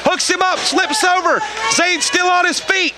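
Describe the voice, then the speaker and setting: A man's voice: extremely high pitch, fairly even intonation, a little slow. A man calling wrestling play-by-play live, with emphatic, exclamatory delivery. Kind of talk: excited live sports commentary. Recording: noisy live event, loud crowd. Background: loud wrestling crowd.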